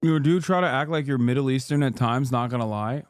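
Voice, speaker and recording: A male streamer from Turkey talks casually and bluntly to his chat, swearing often and pushing back hard. His voice sits at an average pitch and is recorded close and dry, with no room sound. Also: brisk, no echo. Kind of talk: casual live-stream commentary.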